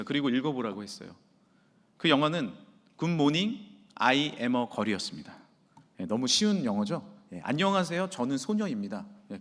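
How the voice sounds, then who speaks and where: A man preaching a sermon as pastor in a church sanctuary, swinging from loud to near-whisper. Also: fairly high pitch. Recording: reverberant church hall.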